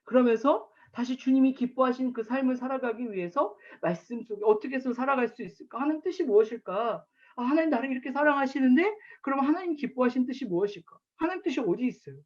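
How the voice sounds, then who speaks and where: A man's voice: extremely high pitch, lively intonation, quick pace. A man in his thirties preaching at an online chapel, telling stories about his daughter and acting out her lines. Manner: warm storytelling with acted quotes of his daughter. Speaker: campus ministry pastor. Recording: dull lo-fi online chapel recording.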